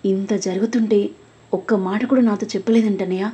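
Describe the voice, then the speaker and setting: A woman voicing an earnest young man, a younger brother, who talks briskly in an audio story. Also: mid-range voice, steady tone, dark tone, close to an everyday voice.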